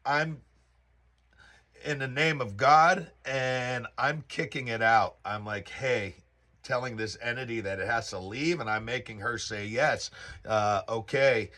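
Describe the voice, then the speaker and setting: Man, unhurried storyteller, bright tone, halting and meandering delivery. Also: medium pitch. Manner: halting, rambling with restarts and fillers. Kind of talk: personal spiritual story.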